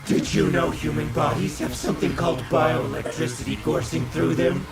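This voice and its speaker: A man's voice: on the high side, steady tone, moderate pace, creaky. An actor playing a gleeful psychotic killer in an anime dub, taunting his victims with mock concern. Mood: menacing. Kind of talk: anime dub villain acting. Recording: echoing voice under loud music.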